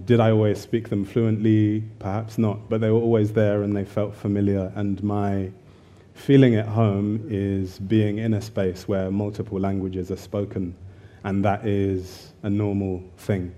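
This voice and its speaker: A man in his thirties from Zambia, a poet answering questions in a thoughtful, measured way on a festival stage. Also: on the low side, dark tone. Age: 30s. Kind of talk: interview conversation on stage.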